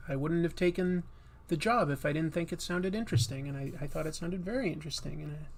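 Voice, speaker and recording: Talking fast in a slightly high, slightly nasal voice, the host of a casual comics livestream draws as he chats and rambles, with plenty of fillers and restarts. There's slight background noise.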